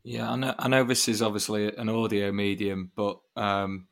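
Low-voiced man chatting hesitantly. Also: flat delivery, moderate pace, vocal fry, fairly bright tone. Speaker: podcast panelist. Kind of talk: casual football podcast chat.

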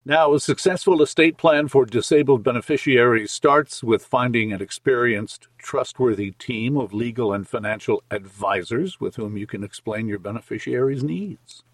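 A man's voice: medium pitch, moderate pace, few pauses, no echo. A man hosting a podcast in a polished radio-presenter style. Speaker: podcast host.

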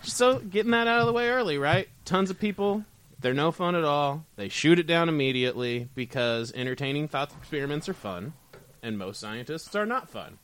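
A man's voice: on the high side, animated, normal speed, fairly bright tone. A man co-hosting a podcast, chatting casually with jokes and plenty of swearing. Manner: joking, profane, rambling. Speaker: podcast co-host. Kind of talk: casual comedic chat.

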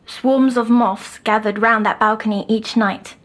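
A woman, softly recounting a dream as a patient in an audio drama. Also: fairly high pitch, steady tone, low-quality recording. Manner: soft, slow, dreamy recounting.

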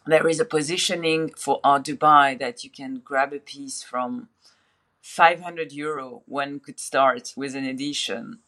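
A French woman with a very deep yet fairly bright voice joins a remote interview from another city, chatting casually about her art advisory work and her life. She speaks fluently, though she restarts her sentences many times.

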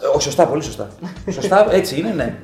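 Animated high-voiced man telling football stories. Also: echoey room, soft background music. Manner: animated storyteller, jumps between hushed asides and loud bursts. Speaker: podcast guest. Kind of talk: casual banter about football.

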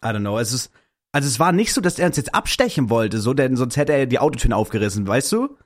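Young guy co-host, rattles off slangy excited story really fast. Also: mid-range voice. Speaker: podcast co-host. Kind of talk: casual chat.

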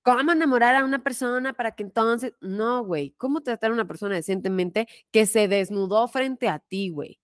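A woman's voice: a little high, a little fast, few pauses, no echo, clean studio sound. A woman with a Mexican accent hosting a podcast, talking emphatically and bluntly and swearing freely. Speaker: podcast host. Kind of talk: casual chat.

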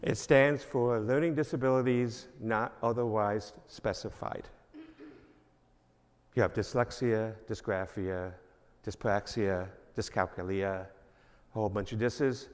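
Speaking in a lowish, steady, smooth voice without hurrying, an older New York man from Long Island introduces himself at a church service as the guest minister. The informal address is rambling, self-mocking and full of fillers, and the sanctuary's long reverb fills the recording.

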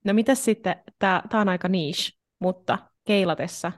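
A woman co-hosting a podcast, chatting playfully and mixing English phrases into her talk. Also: mid-range voice. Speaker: podcast co-host. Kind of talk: casual chat.

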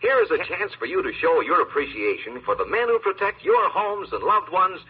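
A bright, high radio pitchman. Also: sing-song, fairly quick, husky, full character voice. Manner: upbeat pitchman, gets stuck repeating. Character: male radio station announcer. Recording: lo-fi old radio broadcast recording.

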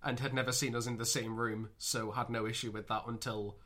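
A man co-hosting a podcast in casual chat, reasoning things out calmly. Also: mid-range voice, a little fast. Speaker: podcast co-host.

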